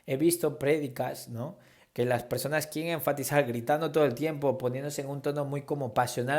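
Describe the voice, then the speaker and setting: A man's voice: a little high, darkish tone. A man teaching a preaching workshop, explaining public speaking techniques in a conversational way and acting out examples of tone and gesture. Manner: conversational, demonstrates tones and gestures while explaining. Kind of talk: instructional talk on public speaking.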